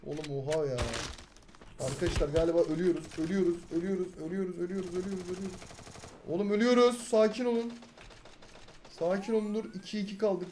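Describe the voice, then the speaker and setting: Fast-talking young guy doing game commentary, yelling then muttering, cocky and bossy with his team, loud gunfire in the back. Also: high voice, slight background noise. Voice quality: excitable, swings between shouting and muttering. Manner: bossy and teasing toward teammates, boastful. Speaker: gaming video host. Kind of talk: live gameplay commentary.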